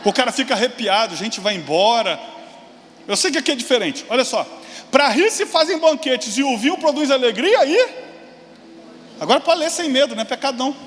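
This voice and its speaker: Preaching a sermon, a man in his 40s uses a very high, animated voice that jumps up in excited exclamations and falls into quick asides. His words ring through a big church hall with long reverb and faint room hum.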